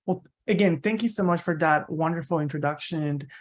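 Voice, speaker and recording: A man's voice: on the high side, brisk. Man presenting an online seminar. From Cuba. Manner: conversational, tags sentences with "right?", frequent restarts. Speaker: university researcher giving a seminar talk. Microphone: video call.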